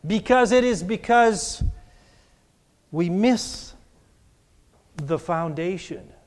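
A man preaching a sermon to a congregation in church, leading call-and-response with emphatic, drawn-out repetition. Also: high voice, expressive. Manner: call-and-response, has the congregation repeat after him. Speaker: pastor.

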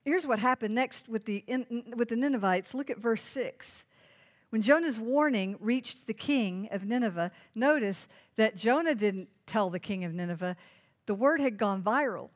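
Emphatic woman preaching, high voice. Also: animated, normal speed. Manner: emphatic, repeats key phrases for note-taking; asks the listeners direct questions. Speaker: pastor. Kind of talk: sermon.

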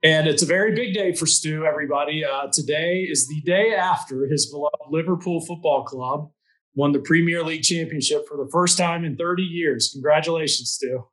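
A man hosting a podcast interview, friendly and a bit halting with fillers. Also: fairly high pitch, fairly bright tone, rough recording. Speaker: podcast host.

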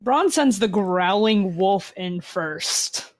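A woman's voice: medium pitch, lively intonation, takes it slowly, dry recording. A woman player at a tabletop game, talking casually with a wry, sarcastic edge.

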